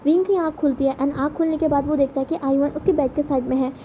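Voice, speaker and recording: Woman, casual storyteller, chatty, self-correcting, high-pitched, mellow tone. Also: fairly even intonation, quick pace, dull audio, slight background noise. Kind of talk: casual fan-fiction retelling.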